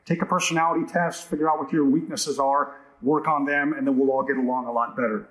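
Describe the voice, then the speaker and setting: A man's voice: mid-range voice, fairly even intonation, fast, a bit bright, reverberant, rough recording. A male pastor preaching a sermon in a conversational way, often checking in with the congregation. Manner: conversational preaching with frequent "right?" asides.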